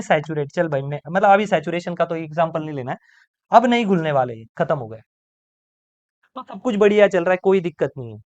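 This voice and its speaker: A man with a high-pitched voice gives a playful chemistry lecture, firing quick questions at the class and answering them himself. The recording has its highs cut off.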